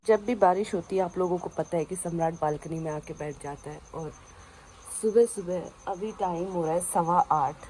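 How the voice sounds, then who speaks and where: Woman vlogger, low-pitched, hoarse and strained from a cold, chatty home-vlog delivery. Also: normal speed, dark tone, slight background noise, low-quality recording. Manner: chatty, talks to her dogs between remarks. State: hoarse from a sore throat. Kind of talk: casual vlog narration.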